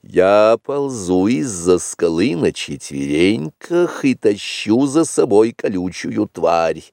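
A man voicing Bagheera, a calm, wise female panther, with a low, measured delivery in a storybook reading. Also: creaky, no room sound, clean studio sound, exaggerated voice.

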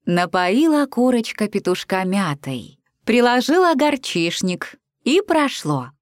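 Expressive woman reading a fairy tale. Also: a little high, takes it slowly, dry recording, clean studio sound. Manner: expressive, sing-song storytelling. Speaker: storyteller.

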